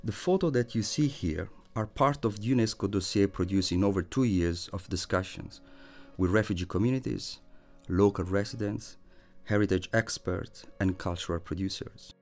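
A man reading a scripted, measured narration as a voice-over. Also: on the low side, darkish tone. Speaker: presenter. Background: faint music.

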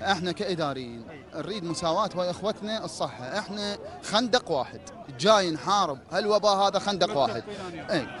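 A hospital administrative worker with an Iraqi Arabic accent gives an impassioned speech at an outdoor street protest, pleading and repeating rhetorical questions. His voice is high, animated, fast, and a bit bright.

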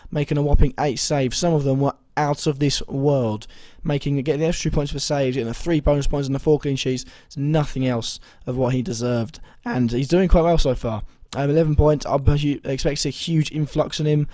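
Mellow, slightly hoarse young man. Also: fairly high pitch, dry recording. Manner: rambling, hesitant, full of ums and self-corrections. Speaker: fantasy football vlogger. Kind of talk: casual video commentary.

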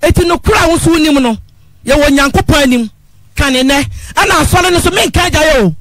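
A woman's voice: high voice, animated, brisk, a bit bright, no room sound. A woman calling in to a radio talk show, pleading and insistent as she keeps appealing to the host. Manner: pleading, insistent, repeatedly addresses the host as father. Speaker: radio call-in caller. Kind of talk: impassioned phone-in complaint.

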